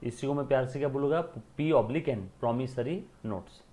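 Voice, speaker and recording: Commerce teacher guy lecturing, keeps asking clear? and answering himself. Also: mid-range voice, a little fast, warm tone. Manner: repeats questions and answers them himself, calls students beta. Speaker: accounting teacher. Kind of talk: classroom lecture.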